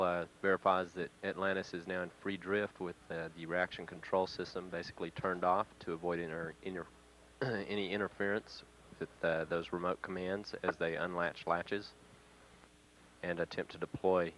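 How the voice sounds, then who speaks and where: A man giving live mission control commentary in a measured, halting, matter-of-fact manner. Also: sits low, level tone, a bit bright, poor audio. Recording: faint hum and noise.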